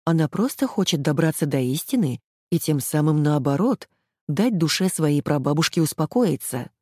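A woman voicing a calm commanding female detective. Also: low-pitched, moderate pace, no room sound, clean studio sound. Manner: calm, conciliatory.

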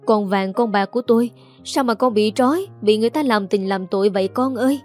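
A woman's voice: mid-range voice, brisk, a little mellow, soft background music, natural voice. A woman voicing a desperate peasant mother who wails and begs for her son, in a Southern Vietnamese accent. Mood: wailing. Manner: wailing, begging.

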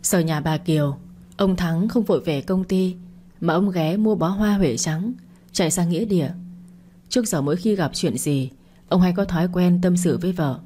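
A woman narrating an audio story in a steady, dramatic storytelling manner. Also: on the low side, a little hiss or hum. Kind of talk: scripted narration.

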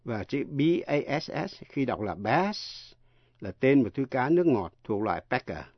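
A man teaching English pronunciation in a radio lesson, spelling words out letter by letter with slow, careful delivery. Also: mid-range voice, big pitch swings, no room sound, lo-fi sound.

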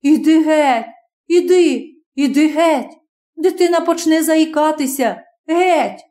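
In this audiobook, a woman reader voices an irritable young wife and mother whose voice jumps high into sharp, scolding outbursts. She speaks in short, cutting bursts. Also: unhurried. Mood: shrill scolding.

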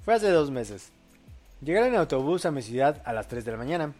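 A man's voice: a little high, sing-song, brisk, a little mellow, soft background music. A young man hosting a casual late-night live show, reading audience posts aloud in a crude, joking way and laughing often.

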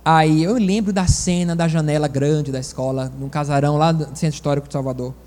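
A man preaching with a high voice that carries into a long, ringing reverb. He tells folksy stories in an animated way and keeps turning to the congregation with asides. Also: a little fast. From Bahia, Brazil. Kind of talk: sermon.

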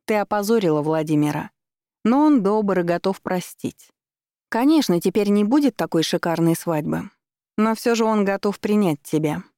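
A cruel, scheming mother, as a woman reads her, pitched noticeably higher than the narration around her. She coaxes and sneers in turn with cold contempt. Dry, close audiobook sound. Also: expressive, normal speed, warm tone, dry recording, natural voice. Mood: coaxing, scornful. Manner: cold, scornful, wheedling.

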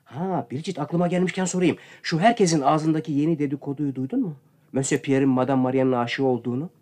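An actor playing a curious gentleman who pries for village gossip, in a radio play. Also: on the high side, steady tone, fast talker, lightly acted. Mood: prying.

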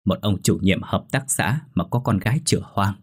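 Man playing an enraged middle-aged father, stern village official, low husky voice, words forced out. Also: normal speed. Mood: furious. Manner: growling each word through anger.

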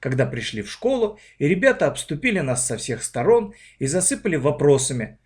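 Brief: man reading a children's story, lively and varied, slightly high voice. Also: fairly quick. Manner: expressive reading. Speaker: narrator. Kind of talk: storybook narration.

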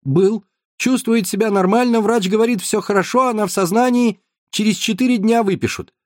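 A man's voice: high-pitched, normal speed, darkish tone, no echo, studio quality, voice pushed up, natural voice. Man voicing an anxious, distracted young man. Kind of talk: audiobook narration.

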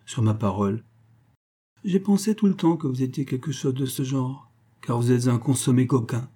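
A man's voice: mid-range voice, normal speed, warm tone, breathy edge, pitched above the performer's own voice, lightly acted. A man reading the part of a cool, sardonic aristocratic older marquis, with a languid and mocking delivery.

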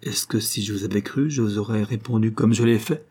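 A man's voice: on the low side, fairly even intonation, a little fast, darkish tone, breathy edge. A man reading as an ardent young suitor. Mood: pleading. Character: earnest young man declaring his love.

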